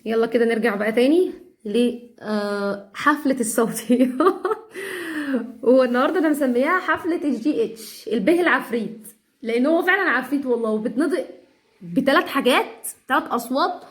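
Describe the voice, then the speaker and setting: Egyptian woman, slightly high-pitched, chatty teacher drilling English phonics. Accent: Egyptian Arabic. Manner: chatty, repeats example words slowly. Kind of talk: phonics lesson.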